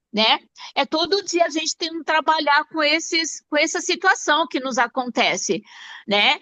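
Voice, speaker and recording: A woman sharing thoughtful reflections in a church study group, measured with small restarts. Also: high voice, pushed and bright. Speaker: Bible study participant.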